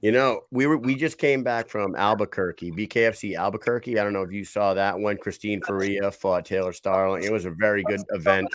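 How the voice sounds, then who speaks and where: A man hosts a laid-back fight-talk show, his lowish voice moving fairly quickly with few pauses. He's chatty and rambling, often stopping to restart or correct his sentences.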